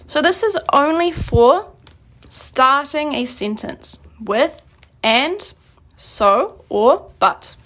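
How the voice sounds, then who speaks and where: A woman from New Zealand teaching a live-streamed grammar lesson, explaining patiently and clearly, slowing down on her examples. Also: high-pitched, expressive, fairly bright tone. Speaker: Korean language teacher.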